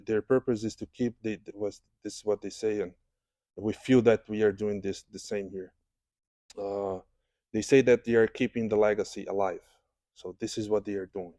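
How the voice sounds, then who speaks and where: Speaking haltingly and filling gaps as he restarts, a jiu-jitsu instructor from Brazil answers interview questions in a podcast studio. The recording is dry, and his lowish voice sounds mellow.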